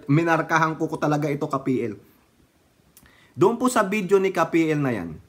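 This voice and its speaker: High-voiced man giving mocking commentary. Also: a bit bright. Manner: mocking, laughs often, polite po fillers. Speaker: political commentary vlogger. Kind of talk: casual political commentary.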